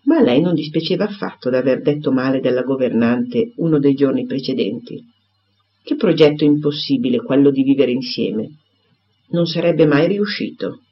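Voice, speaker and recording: A man narrating a classic novel as an audiobook, with expressive storytelling. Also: mid-range voice, normal speed. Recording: dull lo-fi recording.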